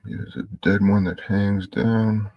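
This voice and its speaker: A man teaching painting on a livestream in a gentle, husky, gravelly voice, murmuring short instructional phrases as he works. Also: on the low side, flat delivery, slow, dull audio. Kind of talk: painting tutorial livestream, talking while working.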